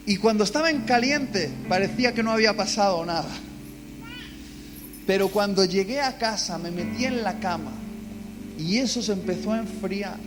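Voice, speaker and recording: Spanish-accented man, live church sermon, dramatic storyteller; higher voice, clear piano under him. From Basque Country, Spain. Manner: dramatic storytelling, acting out cries of pain. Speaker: preacher.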